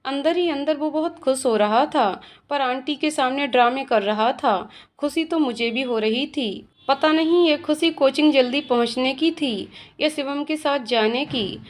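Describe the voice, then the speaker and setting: Young woman, storyteller, first-person narration, expressive, slightly high voice. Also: measured pace, hardly any pauses. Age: young adult. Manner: expressive, playing every role herself.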